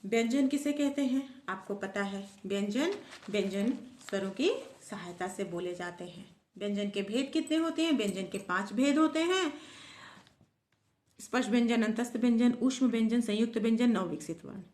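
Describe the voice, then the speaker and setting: A woman teaching a grammar lesson to pupils, asking questions and answering them herself in a steady classroom rhythm. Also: a little high, moderate pace. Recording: echoey room.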